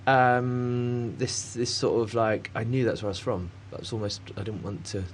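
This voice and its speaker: A man's voice: mid-range voice, fairly even intonation, moderate pace. A man talking in a casual conversation, rambling and hesitant with many fillers and frequent laughs. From Cornwall, England. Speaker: artist guest.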